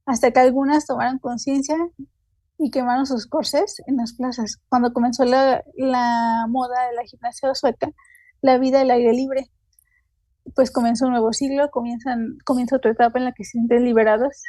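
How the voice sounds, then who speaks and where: Her pitch is fairly high and moves little, her tone is warm, and the recording has no echo. A woman with a Mexican Spanish accent gives a loosely read academic seminar talk, hesitant throughout and leaning on fillers such as "eh" and "este."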